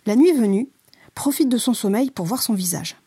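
Jealous, spiteful sisters speak in a sly, raised, insistent voice, played by a woman reading the tale. The sound is mellow and slightly husky. It is a storybook telling. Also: on the high side, lively intonation, normal speed, full character voice.

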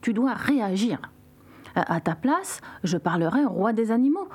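Woman voicing an insistent storybook fly, buzzing, higher voice. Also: animated, moderate pace, darkish tone, slightly rough. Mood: urging. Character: pushy little female fly, meddling.

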